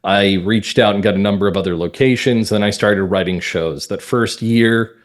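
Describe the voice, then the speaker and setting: This middle-aged man is a guest on a conversational interview, a mystery playwright and script consultant who explains things at length. His voice sits fairly low and moves at a normal speed.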